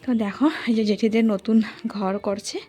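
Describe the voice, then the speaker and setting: A woman's voice: medium pitch, fairly even intonation, a little fast, warm tone. A young woman chatting to her viewers as she shows her household chores in a village home, filming on a phone. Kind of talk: casual vlog talk to viewers. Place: village home, partly outdoors.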